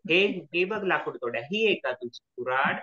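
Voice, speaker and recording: A man voicing a kind, generous god in a children's story, speaking gently and reassuringly. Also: fairly high pitch, lively intonation, moderate pace, pitched above the performer's own voice. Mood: kindly. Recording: echoey, slightly dull recording.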